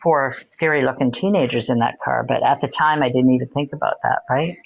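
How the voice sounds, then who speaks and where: A woman's voice: extremely low pitch, brisk, gravelly, lo-fi sound. An older woman, the host's mother, telling stories in a chatty way and often asking "right?". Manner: chatty, tags lines with "right?". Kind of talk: casual storytelling chat.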